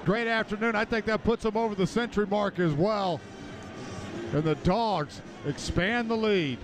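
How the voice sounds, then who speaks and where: High voiced guy doing football color commentary on radio, noisy stadium behind. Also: moderate pace. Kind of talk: live American football radio analysis. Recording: stadium radio broadcast, clear background noise.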